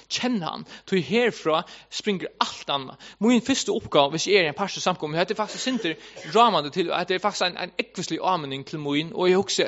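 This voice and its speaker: A man with a fairly high voice preaches a sermon to his congregation, earnest and repetitive, circling back to restate each point as he builds it. The recording is dull and lo-fi. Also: a bit bright.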